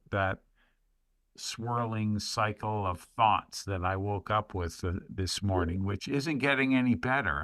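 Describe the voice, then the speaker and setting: A man sits in as a podcast guest and shares his thoughts in a measured way. His voice sits somewhat low, and the sound is dry and close with little room around it. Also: fairly bright tone, no echo. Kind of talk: casual podcast discussion.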